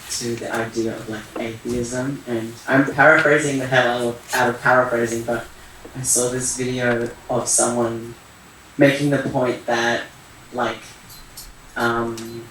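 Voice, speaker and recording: A man's voice: medium pitch, recorded from a distance, background noise. Hesitant young man in an echoey hall. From Iran. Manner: hesitant, searching for words, many fillers. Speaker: community talk participant. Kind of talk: open share at a community event. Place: theatre hall.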